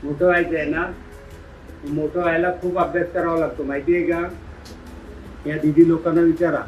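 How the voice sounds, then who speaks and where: A man playfully quizzing schoolchildren, coaxing and teasing them and urging them to speak louder. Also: a little high, little pitch movement, normal speed, lo-fi sound, soft background music. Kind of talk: playful classroom questioning.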